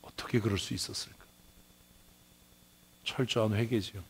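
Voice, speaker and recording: A middle-aged male pastor giving a Sunday sermon in a lively way, acting out quoted voices and asking the congregation questions. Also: on the low side, moderate pace, a little hiss or hum. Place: church sanctuary.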